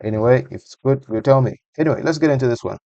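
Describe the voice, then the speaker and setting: A man's voice: mid-range voice, very fast, mellow, dry recording, dull audio. A man giving a casual voice-over breakdown of a football match, talking conversationally and repeating phrases for emphasis.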